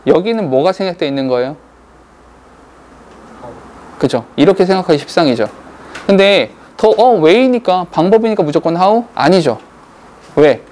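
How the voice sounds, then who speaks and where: A man's voice: on the high side, a little mellow. Man teaching English grammar. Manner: checks in constantly with rhetorical questions; reads English lines slowly and deliberately.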